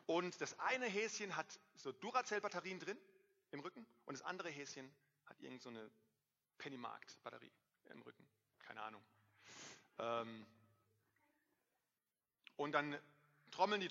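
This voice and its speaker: A man in his thirties preaching a sermon to a congregation, lively, swinging between loud emphasis and quiet asides. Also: on the high side. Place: church hall. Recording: dull, reverberant hall sound.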